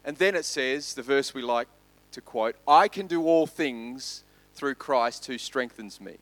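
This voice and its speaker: A man pastor preaching a sermon, building loud and quick through lists and then dropping to soft, slow emphasis. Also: medium pitch, lively intonation, no echo.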